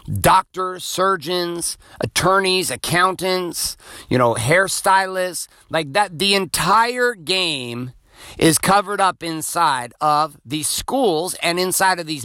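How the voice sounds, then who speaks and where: A man's voice: high voice, sharp tone, no echo, clean studio sound. A man in his forties hosting a podcast, giving a blunt, profane motivational monologue. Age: 40s. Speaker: podcast host.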